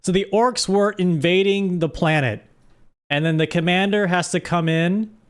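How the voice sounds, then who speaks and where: A man's voice: high-pitched, normal speed, clear, resonant tone. A man streaming live, recapping a story in a rambling, joking way. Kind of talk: casual live-stream chat.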